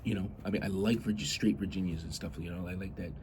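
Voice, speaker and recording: A man's voice: low voice, steady tone, fast, darkish tone, a little hiss or hum. A man chatting casually and rambling as a hobby vlogger, blunt and grumbling, with some mild swearing.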